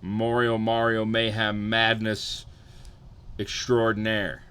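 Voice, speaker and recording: A man's voice: lowish voice, completely flat delivery, slow pace, sharp tone, smooth. An American man chatting casually to livestream viewers in slangy, sweary frat-bro talk, sounding hungover. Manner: crude, freely swearing. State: hungover, sluggish. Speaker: live game streamer.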